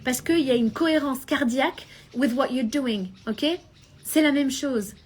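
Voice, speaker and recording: Woman, business coach, live stream, high-pitched, animated, mixes in English phrases. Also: measured pace, a little hiss or hum.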